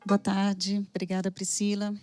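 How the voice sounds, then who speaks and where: Brazilian woman giving measured opening remarks. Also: mid-range voice, completely flat delivery, darkish tone, slight background noise. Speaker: education institute representative, speaker.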